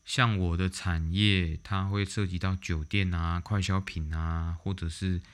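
A man hosting a vlog, telling stories in a casual monologue in a blunt, animated way with mild swearing. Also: deep voice, measured pace. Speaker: vlog host.

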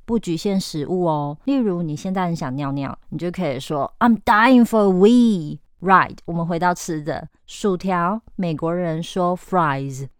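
A woman teaching English phrases in a scripted lesson, slowly modelling each word and phrase for the listener. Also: fairly low pitch, smooth, no echo, studio quality.

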